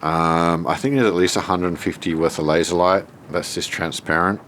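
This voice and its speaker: A man's voice: low-pitched, normal speed, a bit bright, slight background noise. A man with an Australian accent and a blocked, nasal voice, giving a casual, unscripted walk-through as he thinks aloud. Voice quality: stuffed-up, nasal from a blocked nose. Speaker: vlogger showing a self-built shed.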